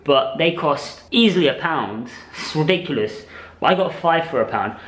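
A man's voice: on the high side, animated, normal speed, fairly bright tone, reverberant, poor audio. A man in casual vlog chat, enthusiastic and chatty, laughing often as he shows his shopping. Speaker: vlogger.

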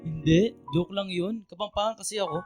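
A woman's voice: medium pitch, brisk, a little mellow, faint music behind, lightly acted. Woman acting Eman, a playful, corny young guy. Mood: teasing. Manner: joking, teasing. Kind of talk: radio drama dialogue in casual Taglish.

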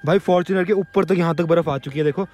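Fast-talking excitable young male vlogger. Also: on the high side. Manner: chatty, excitable, addresses viewers as guys. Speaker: travel vlogger. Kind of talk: casual vlog narration.

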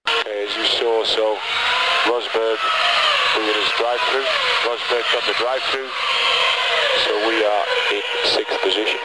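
A man's voice: lowish voice, a little slow. Man on noisy race car team radio. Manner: calm, repeats each instruction twice. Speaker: race engineer. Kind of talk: team radio instructions to a driver. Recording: noisy radio link with loud engine noise.

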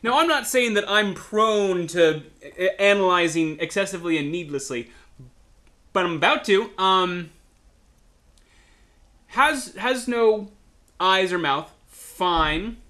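A man's voice: high-pitched, slow pace, long pauses, pushed and bright. A man playing a video game, making sarcastic jokes to himself and swearing as he plays. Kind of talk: casual let's-play commentary.

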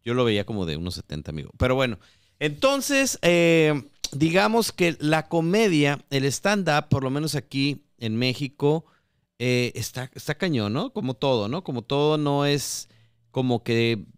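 A man's voice: mid-range voice, clean tone, dry recording, clean studio sound. Laid-back Mexican man hosting a podcast. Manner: relaxed, slangy, quick interjections. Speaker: podcast host. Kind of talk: casual interview chat.

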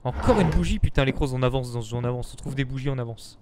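A man's voice: mid-range voice, fast talker, heavy background noise. A man giving casual, jumpy, sweary live commentary as he streams a horror game. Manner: jumpy, excitable, swears freely. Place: indoor streaming room.

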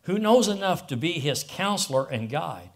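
A man's voice: on the high side, very animated, moderate pace. A middle-aged man from preaching a sermon as pastor, emotional and passionate, often repeating words as he goes.

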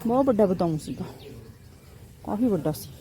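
A woman's voice: mid-range voice, expressive, normal speed, mellow. A woman with a Punjabi accent chatting casually to viewers in an outdoor vlog, with dramatic exclamations and sing-song repeated phrases. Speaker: vlogger. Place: outdoors in a vegetable field. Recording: faint outdoor farm background noise.

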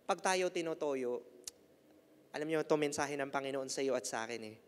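A Filipino man preaching a lively sermon as pastor, mixing languages and acting out the lines he quotes. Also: medium pitch, normal speed. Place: church sanctuary. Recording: long hall reverb with guitar music.

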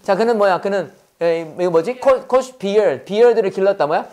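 A man's voice: high voice, a little slow, a little mellow. A man teaching English in a classroom lecture, leading repeat-after-me drills and answering his own questions. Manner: asks questions and answers them himself, repeating phrases.

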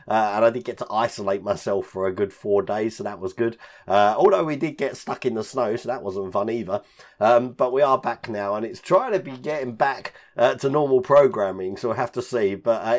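In a home hobby room packed with collectibles, a channel host in his fifties casually walks through a model build step by step. His voice is deep, rough and hoarse, croaky from a recent illness, with the odd cough. He chats as he handles the parts and explains each stage.

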